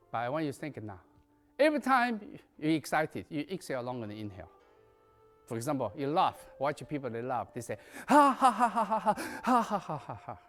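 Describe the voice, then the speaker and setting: Animated man teaching qigong in broken English. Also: mid-range voice. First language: Chinese. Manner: emphatic, non-native English with dropped articles and verbs. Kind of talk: lecture.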